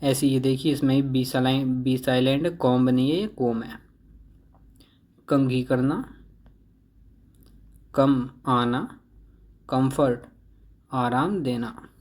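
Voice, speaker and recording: A man's voice: medium pitch, takes it slowly, long pauses, a little mellow. A man teaching English vocabulary, reading words with their Hindi meanings and correcting pronunciation one word at a time.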